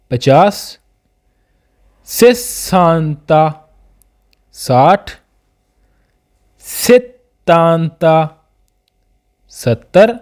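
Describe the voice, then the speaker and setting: A man's voice: fairly high pitch, darkish tone. A man teaching a beginners' language lesson, patiently repeating each word and drilling the class.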